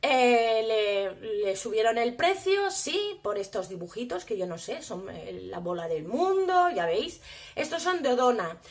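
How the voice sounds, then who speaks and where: High-voiced chatty Spanish woman showing makeup. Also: big pitch swings, measured pace. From Spain. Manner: chatty, often asks viewers to look. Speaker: beauty vlogger. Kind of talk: casual haul video.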